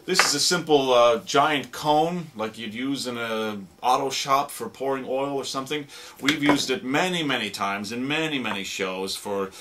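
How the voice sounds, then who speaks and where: A radio drama producer, a man, shows off his sound effect gadgets, explaining them in a relaxed way with lots of fillers. His voice sits in the mid-range and moves at a normal speed, with noise audible in the background.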